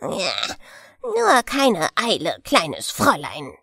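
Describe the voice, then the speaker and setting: A woman's voice: on the low side, huge pitch swings, slow pace, gravelly, bright, forceful tone, slightly rough, no echo, studio quality, pitched below the performer's own voice, full character voice. A woman voicing a grumpy old male willow stump in a storybook, scolding and growling. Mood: gruff.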